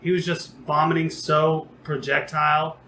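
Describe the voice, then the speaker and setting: A man's voice: fairly high pitch, normal speed. Profane young man rambling through a story. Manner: rambling, profane, animated retelling. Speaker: podcast co-host. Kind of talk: casual storytelling. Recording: roomy echo, faint background noise.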